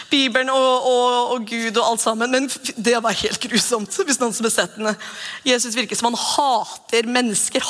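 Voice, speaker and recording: A woman in her thirties giving a casual, expressive devotional talk as a podcast host. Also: on the high side, big-room sound. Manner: chatty and expressive, acts out quoted voices.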